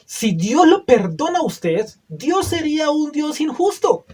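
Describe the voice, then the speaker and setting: A man's voice: extremely high pitch, sing-song, unhurried, a little mellow. A male preacher giving a sermon, earnest and full of rhetorical questions to the listeners.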